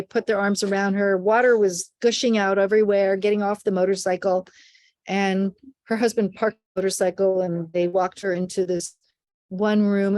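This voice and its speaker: An older woman, a midwife, tells a birth story in an animated way and acts out the voices of the people in it. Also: medium pitch, dry recording, clean studio sound. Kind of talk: storytelling in an interview.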